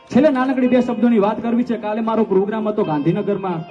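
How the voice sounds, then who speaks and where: A man's voice: sits high, steady tone, quick pace. A man, telling folk stories at a live stage show, emphatic and repeating his phrases as he keeps addressing the crowd. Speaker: folk storyteller at a live dayro. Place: outdoor festival stage. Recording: echoey live stage audio from far, dull, faint guitar.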